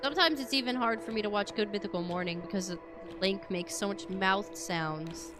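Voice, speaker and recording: A woman's voice: medium pitch, normal speed. A woman streaming a game in casual chat, playful and rambling, humming and scatting to herself, with a voice she calls witchy. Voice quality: self-described witchy voice. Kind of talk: casual live-stream chat while playing. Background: background music.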